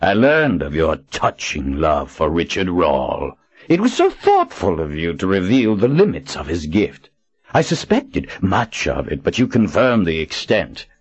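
A man voicing a gravelly, gloating villain. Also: huge pitch swings, lo-fi sound, full character voice. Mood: taunting. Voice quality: deep and gravelly. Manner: slow, taunting, mocking. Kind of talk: audiobook character voice.

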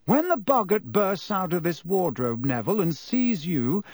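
A man voicing a kind, calm, middle-aged male professor in an audiobook, speaking in a patient, encouraging way. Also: high voice, normal speed, dry recording, clean studio sound, voice pushed up. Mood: patient teaching. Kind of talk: audiobook character voice.

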